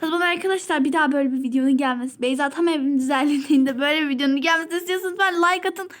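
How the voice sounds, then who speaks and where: A woman hosting a playful game-play vlog, giggling often and sometimes dropping to a hushed voice. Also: high-pitched, rapid-fire. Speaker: channel host.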